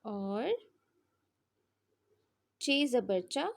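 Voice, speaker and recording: A high-pitched woman teaches young children at an unhurried pace. She patiently spells out sounds in drills and keeps asking if they follow. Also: very animated, vocal fry, slight background noise. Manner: patient, drawn-out spelling drills with frequent check-ins. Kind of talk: slow children's lesson.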